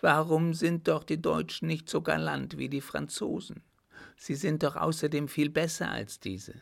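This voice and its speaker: A man's voice: fairly high pitch, normal speed, creaky, fairly bright tone, voice pushed up. A man voicing a pouting young French lady. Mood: tearful. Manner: pouting, plaintive. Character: spirited young French lady, lost in woods.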